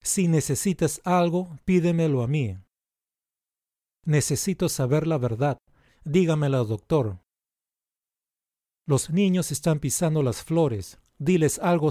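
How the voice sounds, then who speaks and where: A man reading short example sentences aloud for language learners, in a slow, deliberate, carefully enunciated way. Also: a little high, mellow, no echo, clean studio sound. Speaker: language teacher.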